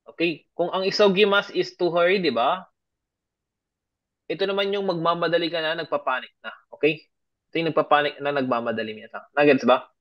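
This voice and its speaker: Speaking a little high and fairly quickly, this Japanese language teacher runs an online grammar class with patient explanations. He frequently confirms his students are following and blends English with example sentences, recorded in dull lo-fi sound.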